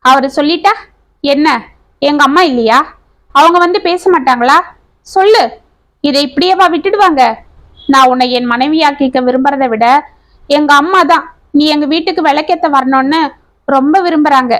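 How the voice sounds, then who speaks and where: Woman doing earnest young man, devoted and determined, high voice. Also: moderate pace, pauses often, a bit bright.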